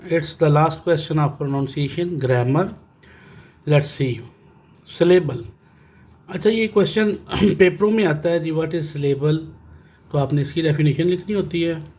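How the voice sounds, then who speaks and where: A Pakistani-accented man gives a classroom grammar lesson in a fairly high voice. He talks at an unhurried pace, repeats terms and keeps stopping to ask whether the students understand. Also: a little mellow. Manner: slow, repetitive teaching with frequent "ji" checks; addresses students fondly, reads English text aloud. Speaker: English teacher.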